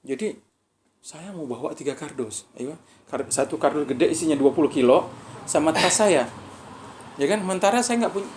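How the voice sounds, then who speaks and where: A man's voice: a little high, a little mellow, a little hiss or hum. Chatty Indonesian preacher man. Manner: conversational, keeps asking "ya kan?". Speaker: visiting preacher. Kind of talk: religious study talk to students.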